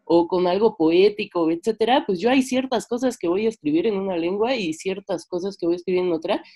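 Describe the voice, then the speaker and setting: Speaking a little fast in a mellow, medium-pitched voice, this seminar participant, a young filmmaker from Mexico of French-Mexican background, talks informally with a Mexican accent. She sounds hesitant and keeps adding tag questions as she shares in an online discussion. She's in her bedroom, heard through her computer mic on a video call.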